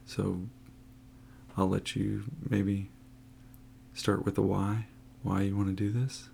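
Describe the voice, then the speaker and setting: A man's voice: lowish voice, level tone, slow pace, vocal fry, darkish tone, slight background noise. A man, co-hosting a casual podcast and joking around teasingly. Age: 40s. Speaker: podcast co-host.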